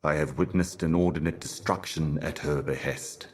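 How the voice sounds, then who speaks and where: An actor playing a solemn otherworldly herald of cosmic horrors in a video game, speaking in an ominous, grandiose and cryptic theatrical manner. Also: male voice, rumbling low, steady tone, normal speed, slight background noise. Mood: solemn, brooding. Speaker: game character, messenger and guardian.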